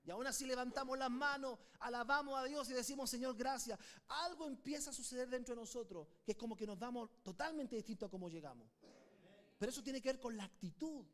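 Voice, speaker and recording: A man with a Chilean accent, a pastor preaching a fervent sermon and calling on the congregation to repeat after him. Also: very high voice.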